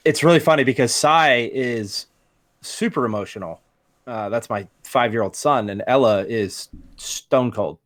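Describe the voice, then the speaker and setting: A man's voice: medium pitch, measured pace, a bit bright. A man in his thirties on a casual podcast, telling easygoing stories about his kids. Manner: easygoing dad-talk storyteller. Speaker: podcast co-host. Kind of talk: casual chat.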